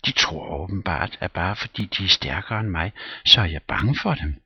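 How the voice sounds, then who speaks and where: A man reading a play aloud and voicing an outraged young widow in a shrill, indignant falsetto. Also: animated, slightly rough, dry recording, dull audio, heavily acted. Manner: shrieking, indignant, high.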